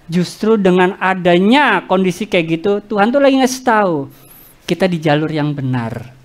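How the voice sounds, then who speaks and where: A woman preacher delivers an animated sermon in a church, her pitch swinging widely as she jokes and acts out the complaints of her listeners. She speaks with an Indonesian accent and slips into East Javanese slang. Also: moderate pace. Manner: animated, jokey, addresses the congregation directly; acts out congregants' complaints and God's words in quoted voices. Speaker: pastor.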